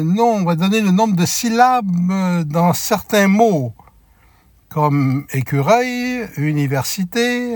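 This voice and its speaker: A man hosting a family quiz segment, slowly spelling out questions and answers and drawing out key words. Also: high-pitched, no room sound. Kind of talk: slow, deliberate quiz hosting.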